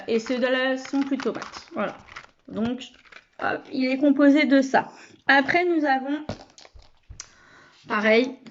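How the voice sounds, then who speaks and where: A woman's voice: fairly high pitch, vocal fry. A woman presenting makeup products in a casual, enthusiastic chat to camera, with many fillers and restarts. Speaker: makeup reseller presenting a beauty kit. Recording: dull lo-fi sound with faint noise.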